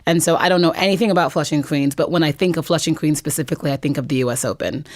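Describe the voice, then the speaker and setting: A woman who is a playwright and performer chats casually as an interview guest, sprinkling her speech with "like" and "you know." Her voice is deep and she talks very fast, with no room sound in the recording.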